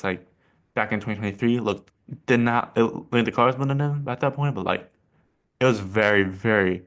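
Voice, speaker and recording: A man's voice: lowish voice, fairly bright tone. Rambling man giving casual reactions. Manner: rambling, hesitant, many fillers and restarts. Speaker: channel host rating paint schemes.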